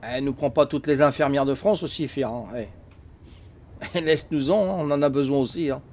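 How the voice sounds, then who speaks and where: A man's voice: medium pitch, moderate pace, darkish tone, slight background noise. An older man with a Corsican accent, chatting casually and teasingly with viewers while playing a game on a live stream. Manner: teasing, chatty, peppers talk with "hein".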